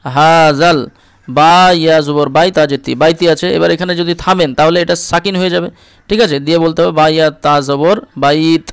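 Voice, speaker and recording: Male Quran tutor, slightly high, smooth clear voice, dry close sound, spells out letters then chants words slowly. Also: no echo. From India. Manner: checks in often with the listener. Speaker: Quran reading teacher. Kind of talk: step-by-step recitation lesson.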